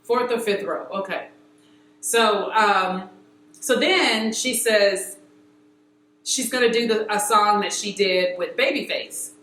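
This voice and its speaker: A woman telling a story to camera in a casual chat, animated and full of fillers, acting out what people said. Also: mid-range voice, takes it slowly, roomy sound, slight background noise, rough recording. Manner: animated, acts out quotes with filler words.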